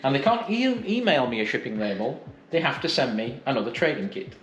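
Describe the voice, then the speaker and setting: A man's voice: mid-range voice, big pitch swings, a little fast, fairly bright tone, a little hiss or hum. A man vlogging, telling a frustrating story in a casual, exasperated way and acting out both sides of his phone calls.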